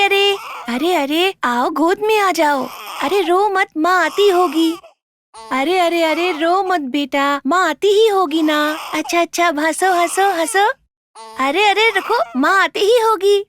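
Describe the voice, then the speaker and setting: A woman voicing a small, gentle, mistreated girl who talks in a soft, pleading, tearful way. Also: extremely high pitch.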